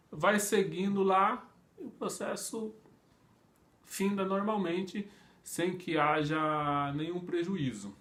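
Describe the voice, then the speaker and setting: A man's voice: high voice, a bit bright. A man with a Brazilian Portuguese accent teaching a law class, talking conversationally, asking rhetorical questions and often adding tag questions. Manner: conversational, asks rhetorical questions, acts out imagined speakers; frequent tag questions and fillers. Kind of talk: online law lecture.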